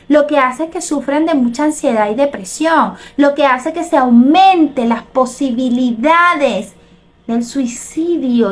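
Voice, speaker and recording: Hosting a live broadcast, a high-voiced, middle-aged woman from Venezuela reads out comments from viewers in her Venezuelan accent, responding with lively, animated reactions.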